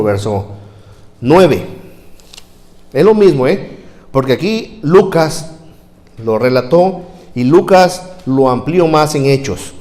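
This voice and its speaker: Preacher acting out scripture. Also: male voice, medium pitch. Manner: acts out voices in the verses, shouting crowd lines and dropping to near whispers. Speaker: pastor. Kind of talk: sermon reading scripture. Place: church.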